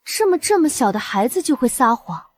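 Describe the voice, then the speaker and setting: An actress playing a scheming young concubine in a costume short drama, talking plaintively as if wronged. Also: female voice, high-pitched, very animated, brisk, no echo. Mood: accusing. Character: scheming young concubine, fake-tearful, sly.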